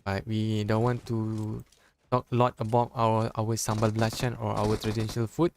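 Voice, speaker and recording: Heavy background noise surrounds this young Malaysian esports caster, a Malay native speaker commenting on a live mobile match in English. In his medium-pitched, Malaysian-accented voice he jokes and chats, often stopping to restart halting phrases.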